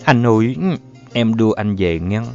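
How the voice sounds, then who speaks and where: A man voicing a tender, worried young woman who pleads softly with her sick lover. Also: on the low side, normal speed, close to an everyday voice. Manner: pleading, soft and fussing. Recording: dull lo-fi audio, faint music.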